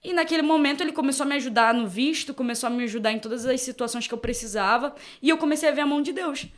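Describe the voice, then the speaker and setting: A woman's voice: high voice, racing. A young woman, a missionary guest, telling her testimony in a podcast interview and acting out the dialogue she quotes. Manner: animated storytelling, acts out quoted dialogue.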